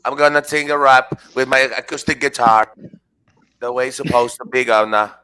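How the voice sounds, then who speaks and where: A pompous, silly English gentleman with an overdone put-on accent , as a hoarse man puts him on. The tone is bright and the voice slightly worn. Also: mid-range voice, fairly even intonation, fairly quick, no echo, close to an everyday voice, rough recording. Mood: mocking.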